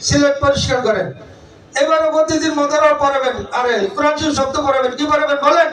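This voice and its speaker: Male Quran reading instructor from Bangladesh, very high-pitched, commanding, keeps checking the class understands, heard from across an echoey classroom with students behind. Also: fairly even intonation, quick pace, fairly bright tone. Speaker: Quran reading teacher training other teachers. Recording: echoey room from far off, with a crowd.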